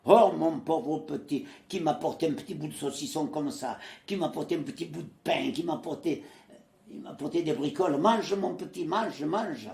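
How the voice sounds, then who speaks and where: An old resistance fighter in his nineties, Marseille-born, relates memories of the war in an interview, his slightly high voice showing vocal fry at a moderate pace. He acts out the voices he quotes with plenty of hesitation, and the recording is reverberant.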